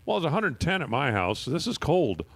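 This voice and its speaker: A man's voice: fairly high pitch, very animated, normal speed, fairly bright tone. Joking drag race announcer, a man. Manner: joking, chatty between runs. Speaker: track announcer. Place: outdoor drag strip.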